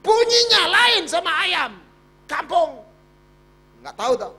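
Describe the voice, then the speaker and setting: A man's voice: very high voice, very animated, slow, bright, forceful tone. A man preaching with an East Javanese accent, telling a jokey story and asking the congregation questions. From Madiun, East Java, Indonesia. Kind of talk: storytelling sermon.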